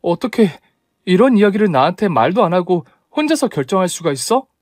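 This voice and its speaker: A man's voice: mid-range voice, lively intonation, normal speed, dry recording, studio quality, natural voice. A man playing an indignant young bride. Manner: scolding, demanding.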